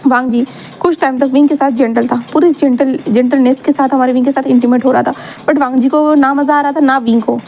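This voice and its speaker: A woman's voice: high-pitched, fairly even intonation, fairly quick, mellow. A woman narrating a fan story in a casual, chatty way, rambling and correcting herself as she goes.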